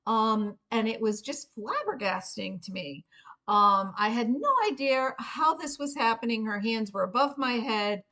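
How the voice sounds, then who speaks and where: A middle-aged woman giving an earnest, informal spoken pitch as personal storytelling, in a halting way with frequent pauses. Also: sharp tone. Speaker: Reiki practitioner and memoir author pitching a book.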